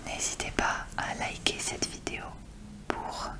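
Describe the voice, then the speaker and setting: A woman doing informal, soft-spoken ASMR show and tell in a breathy whisper, close and intimate as if right in the ear. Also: unhurried. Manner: informal, chatty. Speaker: ASMR video creator.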